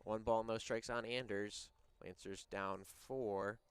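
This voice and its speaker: A young man calls the action of a high school baseball game. His voice is smooth and clear and sits a little low. Between pitches he trades jokes with his broadcast partner. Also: steady tone, takes it slowly. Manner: banters and teases his co-announcer. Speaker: play-by-play announcer.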